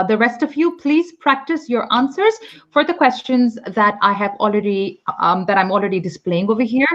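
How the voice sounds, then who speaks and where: A Pakistani woman teaches English live over a video call, chatty and explaining with examples and plenty of fillers. Her voice is mid-range and a bit bright, though the highs are cut off.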